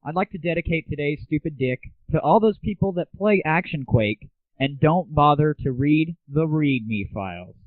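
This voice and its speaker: Expressive and fairly high-pitched, this young man speaks at a moderate pace as he hosts an internet radio show about games, irreverent and full of slang and sarcasm. The dry, roomless recording has a tinny, phone-like 1990s internet sound.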